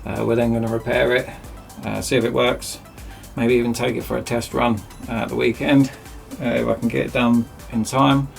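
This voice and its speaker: Chatty gravelly-voiced man in a workshop. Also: mid-range voice, little pitch movement, normal speed, few pauses, soft background music. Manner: chatty, rambling, self-mocking. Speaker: DIY video host. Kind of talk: casual workshop chat. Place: cramped home workshop.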